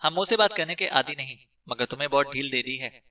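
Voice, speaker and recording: A man voicing a sly male kidnapper who coaxes and threatens in a smooth, persuasive way, in an audiobook. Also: medium pitch, lively intonation, quick pace, pushed and bright, distant mic. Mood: coaxing.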